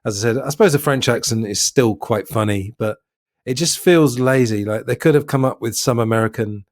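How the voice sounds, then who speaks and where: A man hosting a podcast, chatting about a comedy film in an opinionated, relaxed way. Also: medium pitch, a little fast, dry recording, studio quality. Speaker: podcast host. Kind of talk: casual film review chat.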